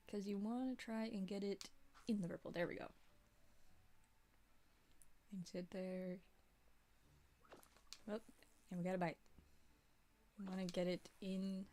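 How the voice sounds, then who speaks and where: A young adult woman giving casual gameplay commentary as a channel host, chatty and thinking aloud, with quiet asides. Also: fairly low pitch.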